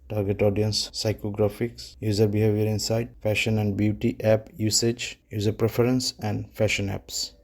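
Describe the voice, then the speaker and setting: A man's voice: lowish voice, vocal fry, darkish tone. A man in his thirties from Bangladesh, presenting a market research report as a plain list-like walkthrough, often correcting himself as he goes. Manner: plain, list-like delivery with frequent self-corrections.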